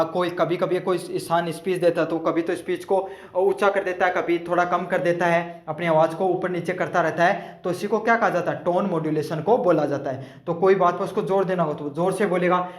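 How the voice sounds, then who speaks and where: High-voiced Hindi teacher in an echoey room. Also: male voice. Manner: explains each answer with questions to the listener. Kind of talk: exam question walkthrough.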